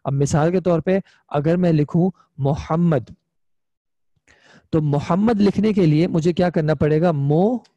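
A young man with a dark-toned voice on the high side speaks at a measured pace, pausing often. The recording is dry with the highs cut off. Teaching Arabic grammar online, he patiently explains step by step and frequently asks his students "ठीक है?".

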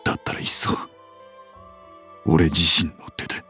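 A man voicing a tormented young man in a visual novel, speaking in a breathy, quavering way with game music behind. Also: fast talker, pushed and bright, close to an everyday voice. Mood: anguished. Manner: tense, breathy, quavering delivery. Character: tormented young man torn between love and killing.

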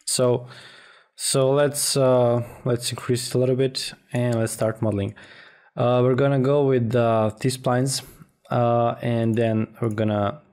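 A man narrating an informal software tutorial as instructor, speaking haltingly and often repeating words. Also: mid-range voice, steady tone. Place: voice-over for a screen recording.

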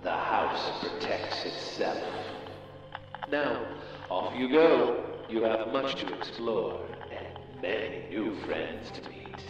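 Brief: man voicing a stately, ominous lord of the manor, lowish voice, played from an old gramophone, far off, dull and hissy, echoing in a big hall. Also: animated, slow. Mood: ominous welcome. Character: formal, menacing old manor owner, male. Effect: old gramophone record playback. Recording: muffled, echoey record from far off, noisy.

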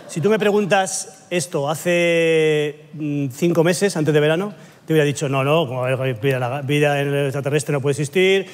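High-voiced man telling a rambling comic tale. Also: moderate pace. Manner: rambling, exaggerated anecdote with swearing and laughter. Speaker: comedian panelist. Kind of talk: comic storytelling on a panel show. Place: TV studio with live audience.

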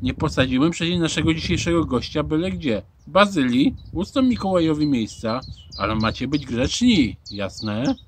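A man's voice: a little high, big pitch swings, normal speed, slight background noise. A man voicing a strict yet kindly school supervisor who gives firm orders. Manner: firm, commanding. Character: stern but kindly male school supervisor.

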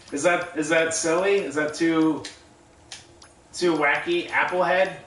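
A man thinks aloud as he plays, reading viewers' chat and chuckling now and then. His voice sits a little high. It sounds roomy and off-mic, with faint background noise. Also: steady tone, slow pace, a bit bright, far from the mic. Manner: musing, reads chat aloud, laughs often. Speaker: livestream gamer. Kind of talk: casual gameplay commentary.

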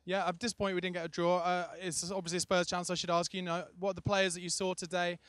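Fast-talking young male fan interviewer. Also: high voice, little pitch movement, a bit bright, dry recording. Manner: quick, chatty and enthusiastic. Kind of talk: outdoor post-match fan interview. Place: outdoor car park by a stadium. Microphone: handheld microphone.

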